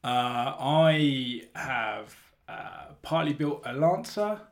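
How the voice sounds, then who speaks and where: Man hosting from a flat's hallway. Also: mid-range voice, drawn-out words. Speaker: podcast host. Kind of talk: casual hobby chat. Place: hallway of a flat.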